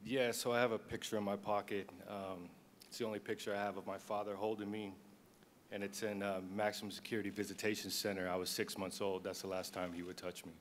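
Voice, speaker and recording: A man's voice: fairly low pitch, little pitch movement, fast, slight background noise. A man in his thirties telling his life story as a panel guest, in a matter-of-fact way. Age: 30s.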